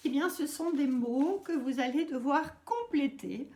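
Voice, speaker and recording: Woman teacher, from France, slow and careful, step-by-step instructions for young children, slightly high voice. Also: animated, warm tone, slight background noise. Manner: slow, patient, clearly spelling out each step. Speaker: primary school teacher.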